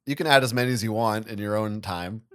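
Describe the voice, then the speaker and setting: A man's voice: on the low side, quick pace, fairly bright tone. A man co-hosting a gaming podcast, chatty and playful, teasing his co-host as he goes. He reads a scripted intro, then shifts into loose, joking banter. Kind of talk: scripted narration then casual chat.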